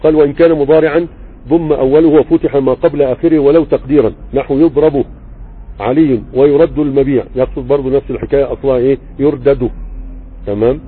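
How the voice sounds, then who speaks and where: A man with an Egyptian Arabic accent teaches grammar in a fast, conversational flow. He reads from a text and keeps asking his students whether they follow. His slightly husky voice comes through a tinny, phone-like connection. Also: mid-range voice, steady tone. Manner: conversational, checks understanding often. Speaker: religious teacher explaining grammar. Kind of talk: live online lesson, reading a text and explaining.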